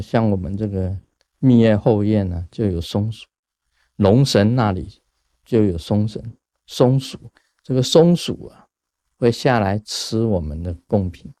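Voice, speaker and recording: A man from Taiwan, giving a casual Buddhist talk in a lively storytelling way and chuckling at his own jokes. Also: on the low side, dry recording, clean studio sound. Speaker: Buddhist teacher.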